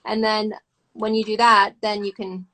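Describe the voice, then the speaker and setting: A woman talks loosely and warmly over a phone video call, her voice sitting in a middle register with a noticeable gravelly fry at the ends of phrases. She rambles a bit and peppers her talk with "like" and little acted-out quotes of herself. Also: medium pitch, flat delivery, a little slow. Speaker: guest on a livestream chat. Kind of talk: casual chat. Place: at home. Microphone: phone on a live video call.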